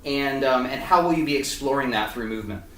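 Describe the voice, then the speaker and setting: A man's voice: medium pitch, fairly quick, fairly bright tone. A man hosting a fundraising interview, talking in a casual, hesitant way with many fillers and restarts. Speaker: host of a fundraising video interview. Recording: echoey room, a bit far from the mic.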